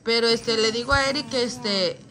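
Chatty mom vlogging at home. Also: female voice, a little high, normal speed, bright, forceful tone. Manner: chatty, teasing, swears casually. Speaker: vlogger and mother. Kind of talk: casual home vlog chat. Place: home bedroom.

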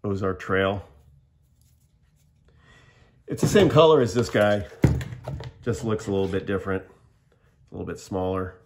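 Low-voiced and a little slow, this middle-aged product reviewer pauses often while rambling through a casual show-and-tell at a table indoors, camera on the tabletop. He speaks plainly, frequently restarts his sentences, and the background is noisy.

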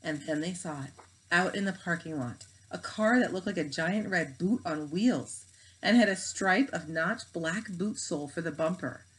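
Woman reading a story aloud, low voice. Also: normal speed, low-quality recording. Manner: steady storytelling. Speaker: reader. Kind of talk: reading a children's novel aloud.

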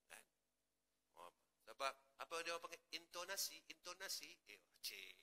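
A man with a Malaysian Malay accent preaching in a prayer hall, switching from quiet asides to loud rising exclamations. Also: fairly high pitch, very animated, normal speed. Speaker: religious teacher. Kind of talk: mosque sermon.

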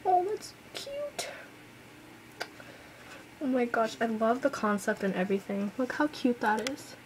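A woman's voice: on the high side, a little fast, a little hiss or hum, poor audio. A young woman vlogging an album unboxing at home, gushing and exclaiming, sometimes dropping to a whisper. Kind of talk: excited unboxing chatter.

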